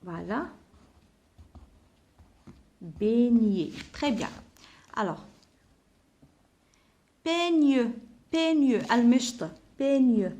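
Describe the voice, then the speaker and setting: A woman teaches young pupils at a slow, careful pace, in a voice pitched a little high. She says each word several times and spells out its letters and sounds. Now and then she drops in an Arabic word to explain the meaning. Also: animated, mellow. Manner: spells out letters and sounds, repeats words slowly; mixes in Arabic words to explain vocabulary. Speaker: primary school teacher. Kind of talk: slow classroom lesson explanation.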